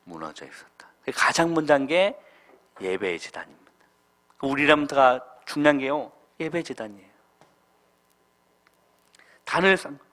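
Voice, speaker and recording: A man preaching a Sunday school sermon to children, quizzing them with questions and swinging from loud calls to soft murmurs. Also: mid-range voice, lively intonation, normal speed, long pauses. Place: church.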